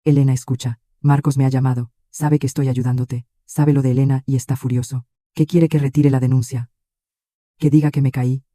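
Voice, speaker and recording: Guy reading as a scared mother-in-law on the phone, flat dark voice, storybook. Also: mid-range voice, fairly quick, no echo, studio quality, natural voice. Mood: urgent.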